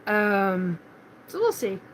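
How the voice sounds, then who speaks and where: A woman's voice: mid-range voice, sing-song, takes it slowly, a little hiss or hum, low-quality recording. A middle-aged woman from Washington State hosting a live paranormal chat, rambling casually with many fillers and restarts. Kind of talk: casual live-stream monologue.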